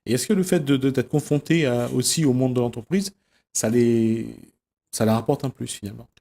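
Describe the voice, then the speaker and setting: A male TV host asking guests halting, hesitant questions in a studio interview. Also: mid-range voice, mellow.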